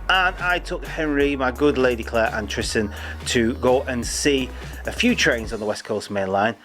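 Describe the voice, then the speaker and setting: Presenting an upbeat roundup as host of a railway news show, a man with a medium-pitched, fairly bright voice keeps things chatty and full of jokes, occasionally tripping over names.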